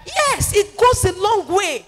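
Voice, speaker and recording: Nigerian woman preaching, high, emphatic. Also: big pitch swings, a little slow. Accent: Nigerian English. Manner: emphatic, repeats phrases, sing-song rises. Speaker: prophetess preaching. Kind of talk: sermon. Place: church. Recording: long reverb in a church hall with music.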